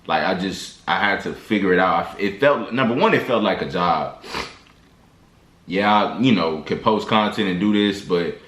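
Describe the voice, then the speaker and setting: Deep-voiced and a bit bright, this man speaks at normal speed. Addressing the camera, he rambles through slangy motivational advice with frequent restarts, and the echoey room comes through.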